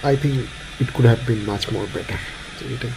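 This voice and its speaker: Gravelly man chatting to viewers. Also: mid-range voice, slow, background noise. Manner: chatty, addresses viewers directly. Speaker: travel vlogger. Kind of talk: casual vlog chat to viewers. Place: indoors on a couch at night.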